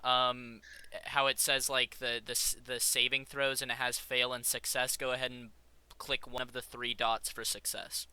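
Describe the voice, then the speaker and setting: A man's voice: mid-range voice, level tone, normal speed, pushed and bright, smooth. A man running a tabletop game, narrating in a rambling way with frequent fillers and restarts. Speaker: game master.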